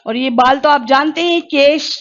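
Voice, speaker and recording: A woman teaching a Hindi exam-prep lesson, asking questions and then answering them herself, and sounding out each vowel slowly. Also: sits high, muffled recording. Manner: slow, careful pronunciation drills.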